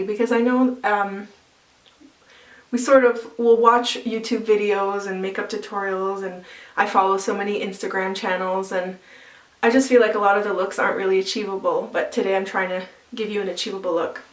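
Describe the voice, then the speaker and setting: Recorded from a distance in a roomy space, a mid-range female voice belongs to a makeup vlogger who chats her way through a tutorial. She describes each step while applying it, with easygoing fillers throughout.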